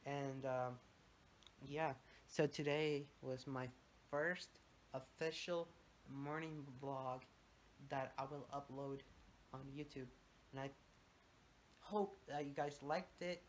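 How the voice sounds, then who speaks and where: Speaking slowly with frequent pauses, a young man keeps a steady tone in a slightly high voice over a little hiss or hum. He vlogs casually from his home bathroom and bedroom, phone held at arm's length, and as a native Spanish speaker with a Mexican accent he swears offhandedly and uses Spanish words.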